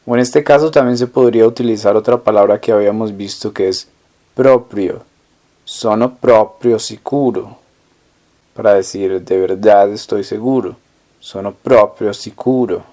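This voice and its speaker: A man's voice: on the low side, dark tone. A man teaching a language course, asking how to say phrases and then repeating each answer carefully. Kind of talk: slow, deliberate language lesson narration.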